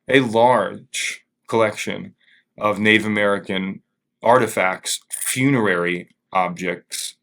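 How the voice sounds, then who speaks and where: A man speaking as an interviewed museum staffer, explaining things thoughtfully and carefully in a halting, hesitant way. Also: on the low side, gravelly, a bit bright.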